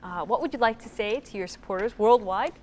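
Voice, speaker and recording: A woman's voice: medium pitch, fairly quick, a little mellow, a little hiss or hum. A woman hosting a quiz show, moving between scripted questions and talk with contestants.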